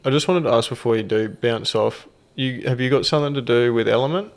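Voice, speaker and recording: A man with a creaky voice, hosting a podcast as a laid-back, sweary, blokey casual chat. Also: mid-range voice, fast. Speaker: podcast host.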